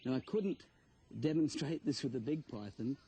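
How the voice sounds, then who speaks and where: Speaking at a normal speed with plenty of expression, this Australian wildlife presenter has a mid-range, mellow, husky voice. He chats colloquially to camera like a showman while he handles snakes.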